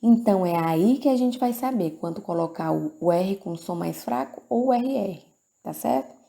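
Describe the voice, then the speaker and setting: A woman with a Brazilian Portuguese accent teaching a grammar lesson to children, speaking slowly and repeating each example word. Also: medium pitch, animated, vocal fry, mellow. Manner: slow, deliberate, repeats words for the class.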